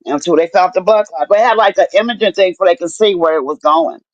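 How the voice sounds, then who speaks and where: A middle-aged woman tells her story in lively, profane casual chat, slipping into the voices of the people around her. The recording is dull and lo-fi. It is also very dry. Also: on the low side, fast, dry recording. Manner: animated storyteller, profane, acts out what people said. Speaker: guest telling her story.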